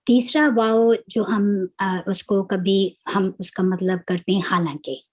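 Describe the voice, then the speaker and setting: A woman teaching a religious lesson on Quranic Arabic grammar, explaining patiently step by step and pausing to search for words. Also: medium pitch, steady tone, darkish tone. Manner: recites Arabic prayers before teaching.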